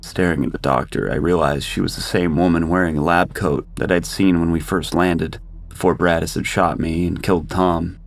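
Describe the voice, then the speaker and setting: A man narrating a first-person horror story in a steady, grim manner. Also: deep voice, moderate pace, creaky.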